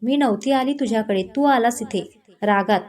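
A woman voicing a quick-tongued young wife in a read-aloud romance, sharp and argumentative. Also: on the high side, lightly acted. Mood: irritated.

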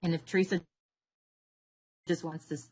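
Woman, low voice, dull muffled call sound that cuts in and out, husky, halting with fillers and restarts. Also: little pitch movement, a little mellow. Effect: audio cutting in and out. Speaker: division director. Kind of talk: webinar introduction over a call. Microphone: home computer, no headset.

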